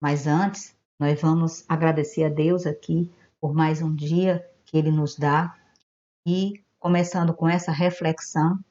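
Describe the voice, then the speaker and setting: A woman teaching an online lesson to primary school children, patient and gentle, explaining step by step. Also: low voice, steady tone, a little slow. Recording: dull lo-fi home video audio.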